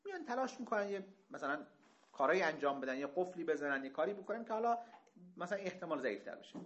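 Animated male lecturer, bright lively voice. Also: muffled recording. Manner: reads Arabic slowly then explains conversationally; asks rhetorical questions, lively pitch swings. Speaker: teacher explaining a text. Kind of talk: lecture reading and explaining Arabic passages.

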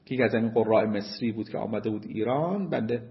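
A man teaching a seminary class, reading a text slowly and explaining it with lively asides. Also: on the low side, lo-fi sound. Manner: slow deliberate reading of Arabic text, then lively asides. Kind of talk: lecture on Islamic jurisprudence.

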